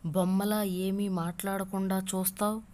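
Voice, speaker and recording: A woman's voice: mid-range voice, little pitch movement, normal speed, darkish tone, close to an everyday voice. A woman doing a blunt young wife. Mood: stern.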